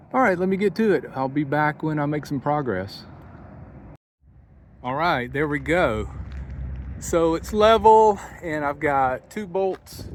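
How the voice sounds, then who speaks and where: A man narrating a casual do-it-yourself vlog, thinking aloud in a folksy way as he works outdoors. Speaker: vlogger. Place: outdoors beside a van near a highway, windy. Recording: wind and highway noise outdoors. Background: wind and interstate traffic.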